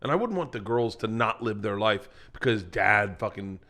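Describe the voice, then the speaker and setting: A man's voice: lowish voice, animated, moderate pace, bright, forceful tone. A man hosting a comedy podcast, telling stories in a casual, profane, joking way. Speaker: podcast host.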